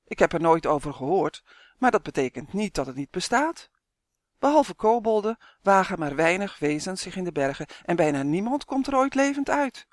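Cheerful little winged elf, carefree and teasing, put on by an audiobook narrator; mid-pitched, dry. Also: sing-song, no room sound, close to an everyday voice. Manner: bright, carefree, quick to tease. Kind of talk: audiobook character voice.

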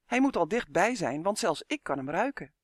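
A man's voice: sits high, very animated, normal speed, no echo, studio quality. A man voicing a firm, wise old woman in a storybook reading, speaking decisively. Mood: warning.

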